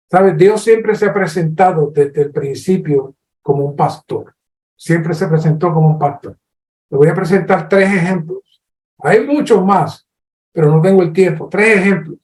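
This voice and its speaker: Slow colombian preacher guy, earnest sermon, acts out the questions, roomy echo. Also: a little high. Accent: Colombian Spanish. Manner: slow, earnest teaching with lively acted-out questions.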